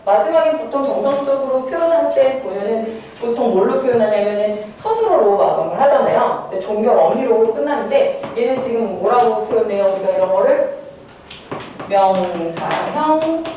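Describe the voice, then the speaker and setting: A woman's voice: fairly high pitch, lively intonation, normal speed, mellow. A woman teacher giving a poetry lesson, who asks questions and answers them herself. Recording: echoey room, far from mic, faint noise.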